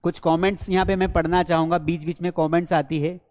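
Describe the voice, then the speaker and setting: A man teaching English grammar in a live online class, repeating example sentences slowly and checking that students follow; his first language is Hindi. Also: fairly high pitch, flat delivery, a little mellow, big-room sound. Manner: slow, drilled repetition of example sentences; coaxing, checks understanding with repeated questions. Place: studio with a board and screens.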